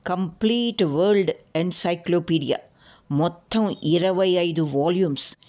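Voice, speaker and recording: A woman's voice: lowish voice, measured pace, mellow, natural voice. A woman reading a pleased, proud father.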